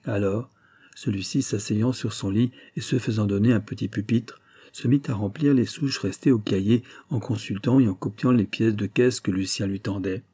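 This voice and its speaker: A man narrating a classic novel as an audiobook in a measured, even manner. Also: lowish voice, slightly rough.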